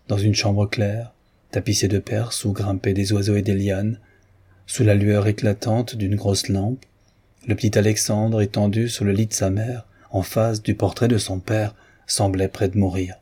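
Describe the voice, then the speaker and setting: A man narrating a classic novel in a measured, even reading style. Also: fairly low pitch, breathy edge. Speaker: audiobook narrator. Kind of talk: literary narration.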